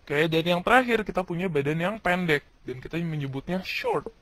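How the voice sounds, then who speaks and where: Man, high voice, chatty video lesson, quizzes himself as he teaches. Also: lively intonation, fairly quick, a bit bright, no echo. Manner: chatty, slangy, asks and answers own questions. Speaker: English teacher.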